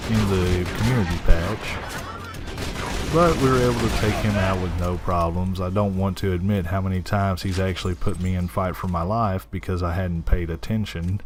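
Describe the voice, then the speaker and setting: A man with a Southern US accent giving easygoing game commentary over his footage, pausing often on filler words. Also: low voice, steady tone. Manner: easygoing, with frequent filler pauses. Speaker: gameplay commentator. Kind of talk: post-recorded game commentary. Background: game music and gunfire.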